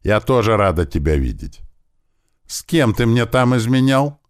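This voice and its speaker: Big affectionate countrywoman, man voicing, lively swings, audiobook. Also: lowish voice, moderate pace, voice pushed up. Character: stout loud village woman, affectionate.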